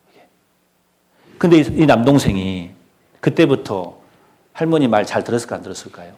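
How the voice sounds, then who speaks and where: A man's voice: medium pitch, darkish tone. A middle-aged man preaching a sermon in a church, telling a story and putting questions to the congregation.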